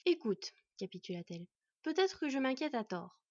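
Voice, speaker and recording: A woman's voice: sits high, sing-song, moderate pace, darkish tone, dry recording, highs cut off, voice pushed up, heavily acted. A woman voicing a protective she-wolf in human form who speaks carefully and hesitantly.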